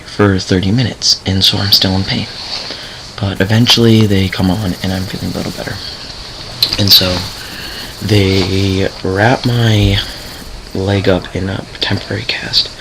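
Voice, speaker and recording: Deep gravelly young man telling a story. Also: background noise. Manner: rambling, self-correcting, swears casually. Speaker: gaming channel host. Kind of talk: casual storytelling over gameplay.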